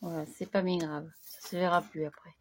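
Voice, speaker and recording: A woman hosting a crafting tutorial, chatting casually as she works, slightly hoarse and clearing her throat now and then. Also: fairly low pitch, little pitch movement, slight background noise. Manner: slow, chatty, talks to herself while working.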